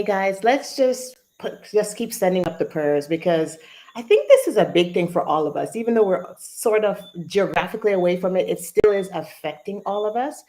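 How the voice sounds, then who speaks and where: A woman's voice: on the low side, dark tone, rough recording. A woman hosting a casual live online session like a conference call host, chatting informally with the group. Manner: chatty, informal, addresses listeners as "you guys".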